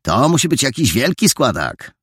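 A man voicing a cheeky, talkative teenage boy with a quick, salesman-like patter in an audiobook. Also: medium pitch, sing-song, fairly bright tone, slightly rough, no room sound, clean studio sound, pitched above the performer's own voice. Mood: sly, cheerful. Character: cheeky, chatty teenage boy with a knack for business.

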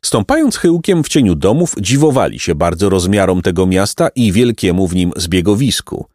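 A man reading a children's tale aloud as narrator, in an expressive storytelling way. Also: sits low, normal speed, no room sound, clean studio sound.

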